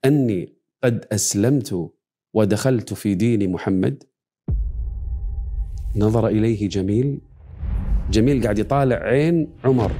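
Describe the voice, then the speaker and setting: A middle-aged man with a Gulf Arabic accent telling a story as a preacher, animated and switching between dialect and classical quotes. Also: medium pitch. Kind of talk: dramatic storytelling sermon.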